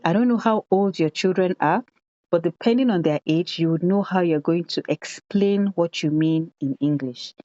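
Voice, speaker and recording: A woman leading a teacher training on a video call, telling classroom stories in an animated way and repeating phrases for emphasis. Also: lowish voice, no room sound. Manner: animated storytelling, acts out children's voices, repeats phrases for emphasis. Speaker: education consultant leading an online teacher training. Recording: dull, dry video-call audio.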